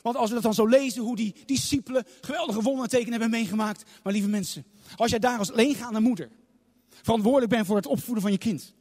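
A man's voice: very high voice, quick pace, darkish tone. A man preaching a sermon with passion, repeating phrases for emphasis. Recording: long reverb of a large hall.

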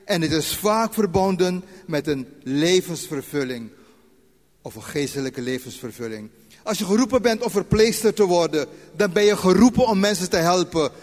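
A retired man in his sixties preaching a sermon, dropping to quiet asides and slowing down when he reads scripture. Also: high-pitched, lively intonation, big-room sound. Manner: varies loudness widely, slows for scripture.

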